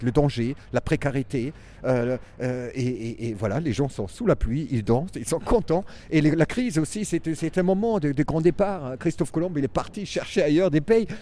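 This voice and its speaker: German-accented man, halting and reflective. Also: a little high, dark tone. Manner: halting, many restarts, reflective. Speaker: circus performer and clown. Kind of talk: interview answers.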